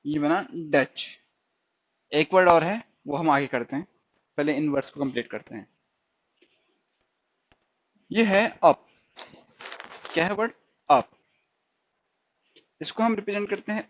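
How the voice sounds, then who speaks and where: High-voiced and moderately paced, a male stenography instructor pauses often while walking students through a recorded lesson, repeating sounds and checking they follow along. The sound is dull lo-fi.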